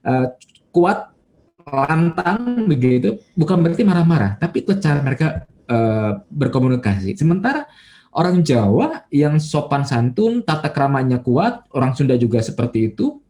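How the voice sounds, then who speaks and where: A man with a fairly high but warm, mellow voice gives a church talk as a pastor. He speaks in a loose, conversational way, full of fillers. He acts out everyday quotes with a livelier voice. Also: sing-song, normal speed. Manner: conversational, many fillers and folksy asides. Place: church online service.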